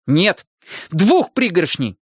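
A man's voice: very animated, slow, husky, dry recording, clean studio sound, exaggerated voice. A man voicing a greedy young angel boy who insists on his share of chocolate, in a storybook reading. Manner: shrill and insistent.

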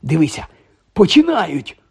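A man's voice: on the high side, big pitch swings, unhurried, creaky, slightly rough, heavily acted. A man voicing an anxious teenage schoolboy in an audiobook, tense and agitated. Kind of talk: audiobook character voice.

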